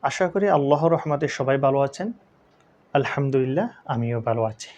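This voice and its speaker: A man teaching Quran letter reading, slowly spelling out letters and syllables, drawing some sounds out for learners to repeat. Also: mid-range voice, animated, a little mellow, a little hiss or hum. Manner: slow drawn-out letter recitation. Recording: dull lo-fi sound.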